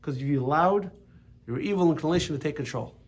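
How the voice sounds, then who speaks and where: Speaking fairly quickly at a fairly high pitch, a man teaches a religious class as a rabbi. His Torah lesson to the students in the classroom wanders with casual stories, asides, and restarts.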